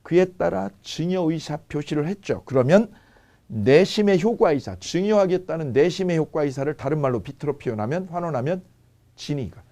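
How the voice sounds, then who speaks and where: A man's voice: on the high side, warm tone. A man teaching a law lecture for exam prep, firing rhetorical questions and repeating key phrases.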